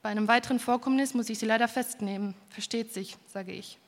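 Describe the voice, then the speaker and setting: A woman reading a first-person literary story aloud in a calm, even manner. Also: on the high side, quick pace. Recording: long hall reverb.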